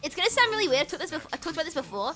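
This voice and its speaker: Racing along in a very animated, sharp, high-pitched voice, a young woman chats casually while gaming on stream. She giggles, rambles and repeats words, swapping between British and American accents, with slight background noise present.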